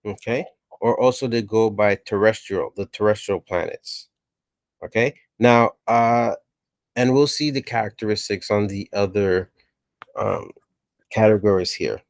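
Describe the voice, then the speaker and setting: A man's voice: lowish voice, a little slow, dry recording. A man explaining a science reference table as a teacher, talking casually and often checking in with "okay" and "right". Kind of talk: explainer lesson narration.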